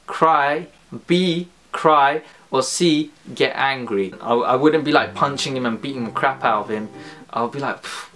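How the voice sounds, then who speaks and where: English guy vlogging to camera, mid voice, chatty and a bit self-mocking, quiet guitar behind. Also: medium pitch. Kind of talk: casual talk to camera.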